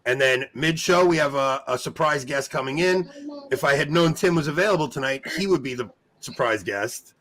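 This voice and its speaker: A man's voice: mid-range voice, moderate pace, fairly bright tone. A man hosting a trivia live stream in casual chat, with a bantering, self-mocking way of talking. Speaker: host of a trivia show.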